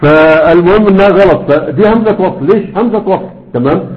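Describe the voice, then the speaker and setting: A man's voice: sits high, a little fast. A man teaching a classroom grammar lesson in a conversational way, often checking with his students. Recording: dull lo-fi recording.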